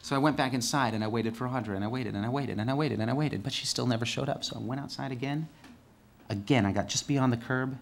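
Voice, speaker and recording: A man telling a first-person story in an animated way, jumping from excited highs to hushed lows and often stumbling over repeated words. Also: fast, gravelly.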